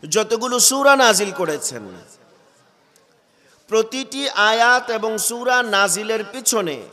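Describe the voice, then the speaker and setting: A man preaching a sermon at a religious gathering while he has a cold, quizzing the crowd and building to loud emphatic peaks. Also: high voice, big-room sound.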